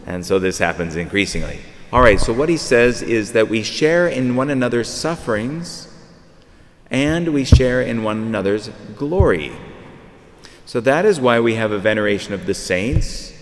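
A man's voice: mid-range voice, animated, normal speed. A man in his fifties preaching a sermon from a pulpit, talking conversationally and repeating phrases as he searches for words. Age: 50s. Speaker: priest. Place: large church, at a pulpit. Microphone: far camera. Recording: long church reverb.

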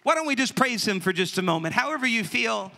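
Male preacher, high and very bright voice, builds to fervent intensity; church sanctuary reverb. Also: lively intonation, fast, vocal fry. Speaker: pastor. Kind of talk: sermon. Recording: long hall reverb from church.

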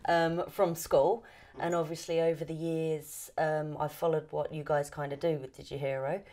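A woman in her thirties, an actor being interviewed, talking casually with many hesitant pauses. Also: low voice, little pitch movement, warm tone.

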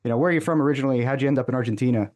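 A man's voice: mid-range voice, racing, a little mellow. A man in his thirties hosting a podcast, asking questions in a friendly, upbeat way at a desk mic. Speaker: podcast host. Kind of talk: casual interview. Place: small room, indoors. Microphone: large studio mic on a desk, headphones.

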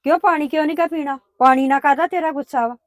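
A woman playing a patient grandmother who calmly coaxes and placates her family. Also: sits high, fast talker, no room sound, lightly acted. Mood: coaxing. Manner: coaxing, placating. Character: patient grandmother, soothing mother-in-law. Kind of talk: family drama acting.

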